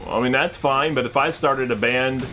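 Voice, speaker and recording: A man's voice: mid-range voice, fairly even intonation, normal speed, sharp tone, soft background music. A man from America, a game streamer, chatting casually and rambling with many fillers while he plays. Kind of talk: casual chat while gaming.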